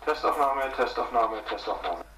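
A man's voice: mid-range voice, animated, normal speed, a bit bright, breathy edge, low-quality recording. A man's test phrases, recorded on a dictaphone and played back through a small FM radio, repeated and trailing off each time.

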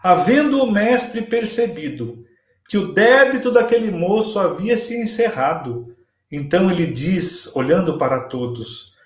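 Slow, measured Brazilian man lecturing. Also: sits high, expressive. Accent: Brazilian Portuguese. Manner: measured, emphatic retelling of a gospel story. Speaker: spiritist lecturer. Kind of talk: live-streamed religious lecture, storytelling. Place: small room at home, indoors. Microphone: webcam at desk distance, video call. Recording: echoey room via webcam.

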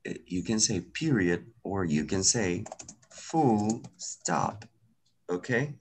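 A man's voice: low voice, expressive, takes it slowly. A man with a Venezuelan accent teaching English in an online class, switching between Spanish and English, patient and encouraging.

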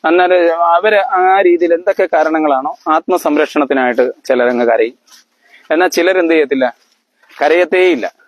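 Man quizzing his family, fairly high voice. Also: no room sound. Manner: quizzes listeners, keeps asking if they understand; halting, with fillers and restarts. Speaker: family elder explaining to family. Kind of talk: lecture-like family talk.

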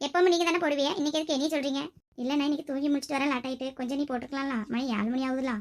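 A woman's voice: sits high, fairly even intonation, racing, natural voice. A woman voicing a nagging, self-pitying middle-aged mother-in-law who grumbles to herself. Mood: grumbling.

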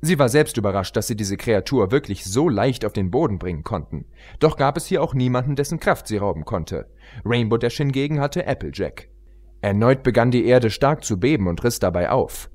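A man reading a fan-fiction story aloud as narrator, telling it in an expressive storytelling manner. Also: mid-range voice, a little fast. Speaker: reader, narrator.

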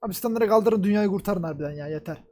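A young man reacting live to an anime episode, talking at the screen, cheering the characters on and swinging between loud outbursts and low muttering. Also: rapid-fire. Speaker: reaction video creator.

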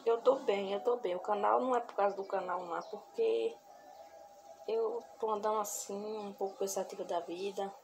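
A young woman vlogging from a couch at home, speaking softly, pausing often and repeating herself as she talks to her viewers. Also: mid-range voice, fairly even intonation, vocal fry. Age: young adult. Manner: soft-spoken, repeats herself, pauses to collect thoughts. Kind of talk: casual heartfelt vlog talk. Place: small home room, on a couch. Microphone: phone camera at arm's length. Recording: noisy home phone recording.

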